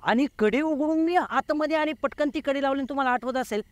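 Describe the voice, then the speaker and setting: A man's voice: very high voice, brisk, no room sound. A man in his forties, a guest telling a true story in an interview, vivid and repeating words for effect.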